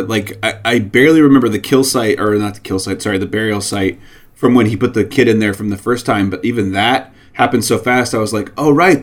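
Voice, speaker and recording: A man co-hosting a casual chat, rambling and correcting himself with lots of fillers. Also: lowish voice. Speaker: podcast co-host.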